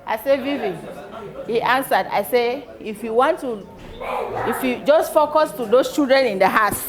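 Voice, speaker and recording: At normal speed and with a fairly high pitch, a middle-aged woman toasts someone's birthday in a party hall. Her speech is a story punctuated by frequent laughter, recorded amid a loud crowd.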